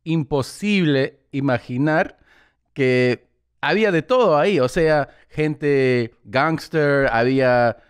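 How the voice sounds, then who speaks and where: A man in his forties hosting a casual interview in a small studio, asking short questions into a boom mic. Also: smooth. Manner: asks short questions, quick affirmations. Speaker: podcast host. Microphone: studio podcast mic on a boom.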